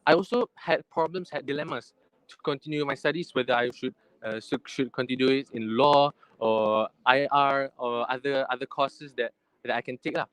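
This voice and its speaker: A young man with a Malaysian accent, a law student speaking on an online panel over an unstable call that cuts out and jumps in loudness. He talks in a halting, apologetic way with many restarts. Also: mid-range voice, clear, resonant tone, no echo, low-quality recording. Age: young adult. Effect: unstable online call audio that cuts out and jumps in loudness. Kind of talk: casual online panel talk. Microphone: video call, camera off.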